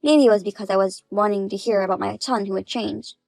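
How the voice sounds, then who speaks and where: A woman's voice: medium pitch, a little fast, creaky, a little mellow, no echo, clean studio sound. Firm synthetic female narrator. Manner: firm, cold, matter-of-fact. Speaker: narrator and mother. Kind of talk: text-message story reading.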